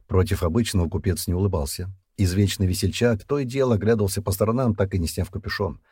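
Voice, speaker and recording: Low husky male audiobook narrator. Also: quick pace, warm tone, no echo, clean studio sound. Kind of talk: scripted fiction narration.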